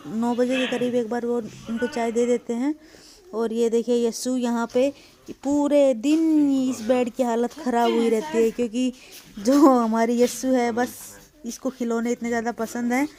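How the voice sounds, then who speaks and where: Woman, somewhat high voice, chatty daily vlog, talks straight to viewers, recorded at home. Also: a little mellow. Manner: chatty, addresses viewers directly; coaxing, playful when talking to her toddler. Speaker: vlogger. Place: family home.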